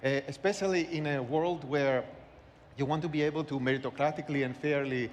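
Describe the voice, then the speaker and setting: Man, conference panelist, halting searching delivery, long hall reverb, some background noise. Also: on the high side, steady tone, muffled recording.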